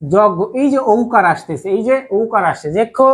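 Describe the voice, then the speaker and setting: A young man with a Bangladeshi Bengali accent teaches an online grammar class in a very high, slightly bright voice, speaking fairly quickly with lively intonation. He drills each point repetitively and keeps checking whether everyone has understood.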